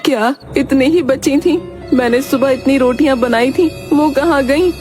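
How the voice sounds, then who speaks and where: A woman voicing a teasing, sharp-tongued middle-aged mother-in-law in a cartoon, speaking in a mocking tone over background music. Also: high voice, unhurried, pitched above the performer's own voice. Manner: mocking, jeering.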